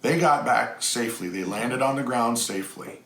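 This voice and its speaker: A man's voice: mid-range voice, normal speed, vocal fry, a bit bright. A middle-aged man co-hosting a family vlog, talking earnestly and at length to the camera. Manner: earnest, talkative, encouraging. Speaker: homestead vlog co-host. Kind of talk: casual chat to camera. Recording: echoey room, faint hum.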